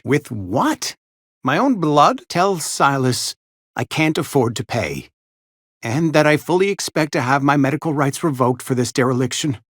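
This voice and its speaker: This theatrical video game performance voices a prim, mournful frontier barber and undertaker who stays loyal to his company. His slightly high voice rises and falls expressively as he delivers florid, over-polite, formal lines in an apologetic, resigned mood. The recording is dry and close, with no room sound.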